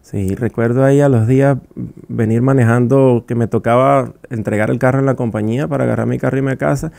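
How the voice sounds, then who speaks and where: Brief: young man, radio guest sharing his testimony, low gravelly tone, dry studio sound, heartfelt with halting restarts. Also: steady tone, mellow, no room sound. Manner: earnest and emotional, with halting restarts.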